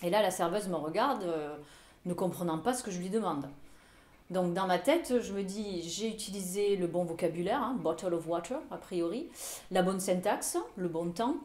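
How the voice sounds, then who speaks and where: A woman's voice: fairly low pitch, normal speed, a little mellow, echoey room. A woman teaching English pronunciation in French, telling a story and repeating example words, with many hesitant fillers. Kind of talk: anecdote and pronunciation lesson.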